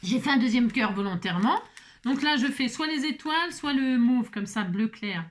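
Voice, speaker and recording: A middle-aged woman talks her viewers through a craft project in a loose, rambling way. Her voice sits a little high, and she often stammers and starts over, tossing in self-mocking asides as she works. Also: animated, normal speed. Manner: stutters and restarts often. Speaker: craft vlogger. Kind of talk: casual crafting tutorial chat.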